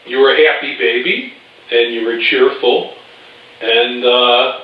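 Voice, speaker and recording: A man's voice: medium pitch, steady tone, unhurried. Hesitant man in his fifties, very echoey. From Chicago, USA. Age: 50s. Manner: hesitant, many "uh" fillers. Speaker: interviewee, father of the interviewer. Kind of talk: casual recorded family interview. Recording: very echoey, distant, dull, faint hiss.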